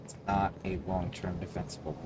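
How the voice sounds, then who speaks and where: A man livestreaming a video game, thinking aloud and reading choices in a deliberate, explanatory way. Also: deep voice, steady tone, very noisy. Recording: game music behind the voice.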